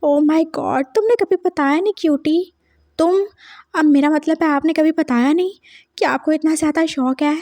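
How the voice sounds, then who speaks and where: A woman voicing a lovesick young man who is clingy, pleading and quick to get flustered, read for a fan story. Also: high-pitched, darkish tone, dry recording, clean studio sound.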